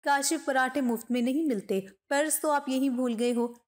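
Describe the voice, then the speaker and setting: A woman's voice: high voice, moderate pace, lightly acted. A woman voicing a chatty, cheeky and loving young bride in a narrated storybook voice-over. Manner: chatty, playful and affectionate.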